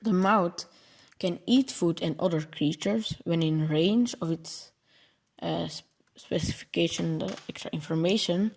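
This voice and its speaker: Over a set of slides, a young Belgian programming channel host describes his coding project, sometimes stumbling over long words. He's a native Dutch speaker with a Belgian Dutch accent, and his fairly high voice is unhurried and creaky.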